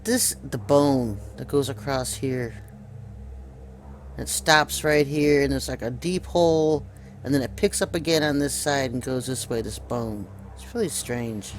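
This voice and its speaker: A video host in a mid-range voice offers informal conspiracy commentary over pictures, speaking a little slowly. He insistently points things out to his viewers, with slight background noise present.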